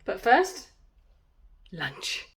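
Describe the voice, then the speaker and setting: A woman's voice: very slow, slight background noise, rough recording. A woman chatting practically through a DIY vlog as she works on her garden deck, with self-deprecating asides. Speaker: DIY vlogger. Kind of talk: casual vlog narration while working.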